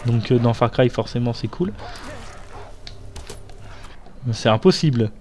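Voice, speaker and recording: A man's voice: medium pitch, animated, a little fast, darkish tone. A young man chatting casually through gameplay commentary, swearing freely and wandering into asides. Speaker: gamer. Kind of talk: let's play commentary.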